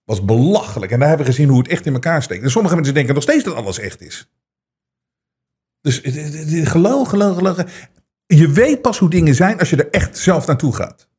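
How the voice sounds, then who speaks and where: A man's voice: on the high side, very animated, a little fast, a little mellow, husky. A man hosting his own show, ranting in an indignant, sarcastic way with many restarts and repetitions. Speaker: host. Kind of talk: ranting commentary.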